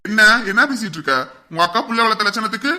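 A man's voice: high-pitched, fast, sharp tone. Man playing a sneering bullying husband. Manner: scornful, mocking, threatening. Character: bullying short-tempered husband and father.

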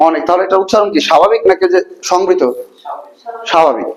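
Male teacher, a touch high-pitched, quizzes the class as he goes. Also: fast talker, rough recording. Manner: asks the class repeated questions, colloquial. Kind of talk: classroom grammar lesson.

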